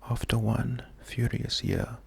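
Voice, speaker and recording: A male ASMR host gives a slow, soft-spoken poetry reading in a breathy, creaky half-whisper with heavy vocal fry. His medium-pitched delivery is gentle, calming and unhurried, with a flat, even melody and frequently repeated words. A little hiss or hum is audible.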